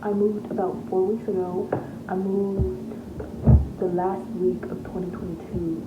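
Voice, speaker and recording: A woman's voice: mid-range voice, flat delivery, measured pace, loud music behind the voice. A fifteen-year-old girl from Tennessee, chatting casually as a vlogger, rambling with many fillers. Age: teens, fifteen. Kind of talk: casual get-to-know-me chat. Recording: tinny phone-like sound in an echoey room with noise.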